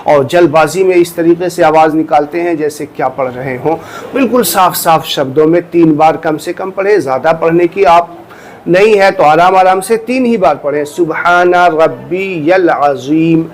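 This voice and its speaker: Guy teaching prayer stuff, kinda high pitched, earnest, spells things out slow. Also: a little hiss or hum. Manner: earnest, explains step by step, repeats phrases; recites phrases slowly and deliberately to demonstrate them. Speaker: religious teacher. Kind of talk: instructional talk on prayer.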